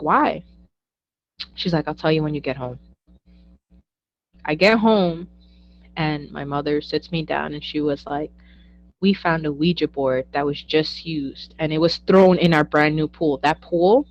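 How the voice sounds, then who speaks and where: Her voice is deep, and the audio sounds dull with a little hiss or hum underneath. The young woman, appearing as a psychic medium guest in a relaxed interview, tells animated stories, performs the dialogue she quotes, and laughs a lot.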